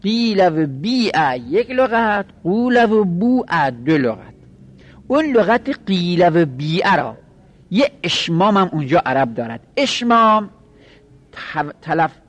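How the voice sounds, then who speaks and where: Man, high voice, Luri Persian accent, classroom lecture, patient, repeats every example, checks on students. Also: very animated, a bit bright. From Lorestan, Iran. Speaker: teacher.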